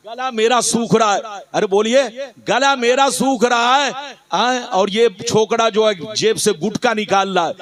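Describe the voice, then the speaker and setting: Very high-voiced fiery preacher man. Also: a little slow. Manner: exhorting, repeatedly urging the crowd to shout back; chants Arabic hadith in a sing-song recitation. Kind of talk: fiery sermon to a live crowd. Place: religious conference stage before a crowd. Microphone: stage microphone.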